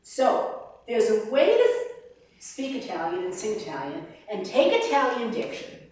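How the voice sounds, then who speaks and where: A woman vocal coach teaching a master class, animated, demonstrating sounds and sung lines. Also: medium pitch, measured pace, a little hiss or hum. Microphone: distant room mic. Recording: very echoey room from far off.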